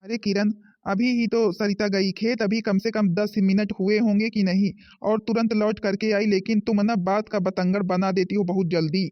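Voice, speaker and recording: A voice actor playing a calm father in an animated cartoon, reasoning and reproachful toward his wife. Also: medium pitch, moderate pace, dry recording, lo-fi sound, close to an everyday voice. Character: mild-mannered father defending his daughter.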